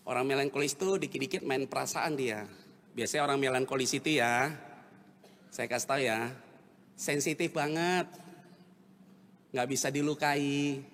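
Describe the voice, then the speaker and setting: A male pastor preaching a sermon in a casual, animated way, dropping to soft asides and rising to loud emphasis, with playful acted examples. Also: fairly high pitch. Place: large church hall. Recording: long church hall reverb.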